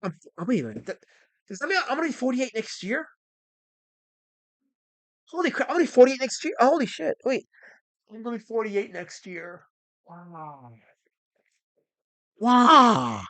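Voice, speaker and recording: A man in his forties hosting a casual livestream, excitable and rambling as he reads chat messages aloud. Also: very high voice, normal speed, pauses often, no echo. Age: 40s. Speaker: livestream host.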